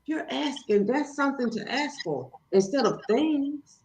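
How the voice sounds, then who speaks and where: Woman guest with a high voice, animated and preachy, recorded in a roomy space. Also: unhurried. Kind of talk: casual spiritual conversation. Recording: roomy, dull, faint noise.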